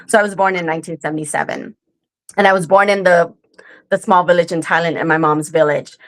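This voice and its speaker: An earnest woman in her forties tells a personal story as an interview guest. Her voice sits a little low. She talks it through casually and keeps checking in with the listener. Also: steady tone, fairly quick. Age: 40s. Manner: earnest storytelling with frequent "right?" and "like". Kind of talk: conversational interview.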